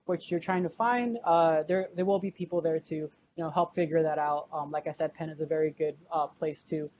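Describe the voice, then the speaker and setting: A woman's voice: sits low, fairly even intonation, a little fast, darkish tone, highs cut off, slight background noise. A young woman, a graduate student, chatting casually in an interview with many fillers and restarts.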